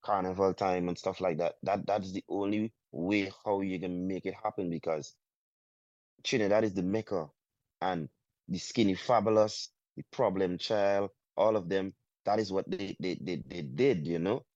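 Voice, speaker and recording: A man from Guyana with a Guyanese accent, a soca artist talking in a casual interview, halting and full of restarts. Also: low-pitched, darkish tone, no room sound. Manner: halting, many restarts, drawn-out phrases. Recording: dull, muffled sound.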